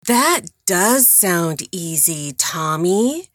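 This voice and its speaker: A woman's voice: fairly low pitch, very animated, a bit bright, no echo, studio quality, heavily acted. A woman playing a flirtatious suburban housewife full of suggestive innuendo in a parody radio advert. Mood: flirty, sweet. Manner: slow, suggestive, breezy innuendo. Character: flirtatious suburban housewife, a friend's seductive mother.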